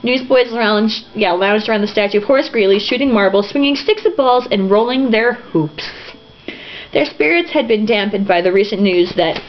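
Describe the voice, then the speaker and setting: At a moderate pace and in a mid-range voice, a woman reads a novel out loud sarcastically, laughing, stumbling over the wording and breaking off for casual remarks. The recording is a muffled lo-fi home setup with a bit of noise.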